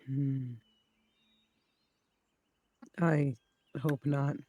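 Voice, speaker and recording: Slow, even-toned mellow man, fairly high-voiced. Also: dry recording. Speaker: tabletop game player. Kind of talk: casual in-game chat.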